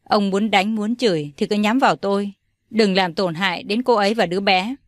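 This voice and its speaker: A woman's voice: mid-range voice, brisk, no room sound, studio quality, lightly acted. A woman voicing a desperate young man who begs for his beloved in an audio story, earnest and pleading.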